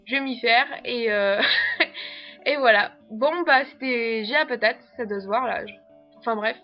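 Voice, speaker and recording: A young French woman who works as an au pair chats to camera at an unhurried pace, in a fairly high voice with a French accent. She rambles casually, giggles a lot and leans on fillers. The audio sounds dull, with faint music playing behind her.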